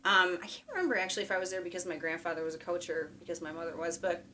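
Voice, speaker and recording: A woman's voice: on the low side, very fast, sharp tone, slight background noise. A woman telling the story of a recurring dream in a chatty way, full of fillers. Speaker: dreamer guest. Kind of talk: conversational storytelling.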